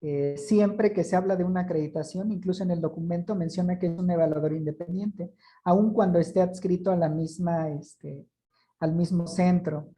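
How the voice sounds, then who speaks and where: Dark-voiced woman answering formally. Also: fairly low pitch, steady tone, poor audio. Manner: formal, explanatory, measured. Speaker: certification body representative. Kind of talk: online meeting Q&A answers.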